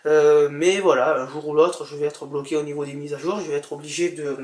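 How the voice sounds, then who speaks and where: A man's voice: a little high, fairly even intonation, brisk, a little mellow. A young man hosting a casual tech podcast, talking off the cuff with lots of hesitations and an unimpressed, critical tone. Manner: hesitant, many fillers and restarts, unimpressed. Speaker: podcast host.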